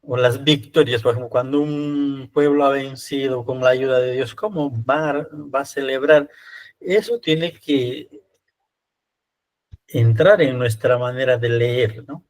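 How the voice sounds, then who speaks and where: A priest with a Peruvian accent teaches a class in a loose, conversational way. He keeps asking his listeners rhetorical questions and tags his sentences with quick checks for agreement. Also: mid-range voice. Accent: Peruvian Spanish. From Peru. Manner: rhetorical questions, frequent tag questions. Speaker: priest giving a lecture. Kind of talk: conversational lecture to church readers.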